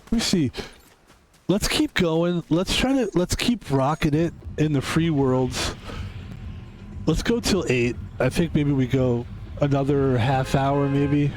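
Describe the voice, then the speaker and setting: A man's voice: a little high, takes it slowly, darkish tone, a little hiss or hum. A man in his fifties chatting casually while streaming a game, rambling and correcting himself as he thinks aloud. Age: 50s. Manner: rambling, reflective, self-correcting. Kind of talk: casual chat while gaming.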